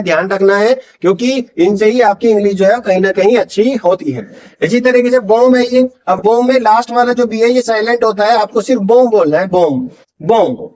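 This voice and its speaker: A man with an Indian accent teaching English pronunciation in Hindi, patiently explaining and slowly drawing out model words for learners to repeat. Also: high voice, darkish tone, lo-fi sound. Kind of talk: Hindi-language pronunciation lesson.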